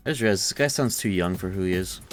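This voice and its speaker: A man's voice: low voice, fast, faint music behind. A man streaming a video game, chatting casually and rambling into rants with plenty of swearing. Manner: rambling, ranty, swears freely. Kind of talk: casual livestream chat.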